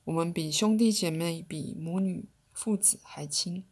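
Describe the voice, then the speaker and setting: A woman's voice: lowish voice, a little mellow, breathy edge. A woman voicing a flustered spirit in the form of a fourteen-year-old boy, speaking earnestly in a storybook reading. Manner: hurried, earnest.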